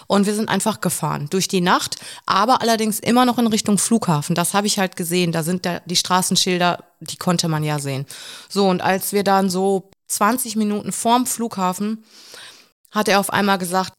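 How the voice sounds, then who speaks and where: Middle-aged woman telling her scary travel story on a podcast, acts out her own thoughts, lively storytelling. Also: mid-range voice. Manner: vivid, animated retelling with acted inner thoughts. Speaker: guest telling a personal story. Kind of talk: emotional storytelling in a podcast conversation.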